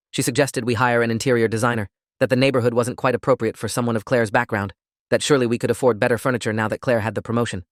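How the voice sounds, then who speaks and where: A man narrating a scripted first-person story in a steady, even reading voice. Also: medium pitch, dry recording, studio quality.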